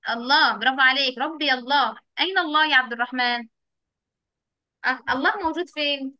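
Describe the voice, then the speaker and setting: Speaking with an Egyptian Arabic accent, a young woman teaches little children over video, repeating her questions and praising each answer to coax them. She talks fast, her high voice pushed and bright, in a dry recording.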